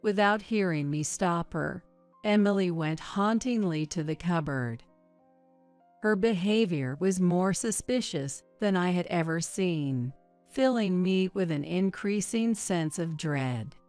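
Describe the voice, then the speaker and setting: Woman, story narration, slow measured delivery, low pitch, faint background music. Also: lively intonation, darkish tone.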